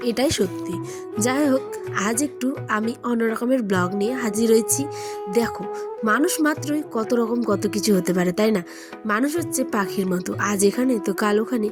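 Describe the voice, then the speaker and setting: A young woman from rural West Bengal speaking with a Bengali accent as a lifestyle vlogger, chatting to her viewers with frequent tag questions, partly filmed out in the village fields. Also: medium pitch. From West Bengal, India. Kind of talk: chatty vlog narration.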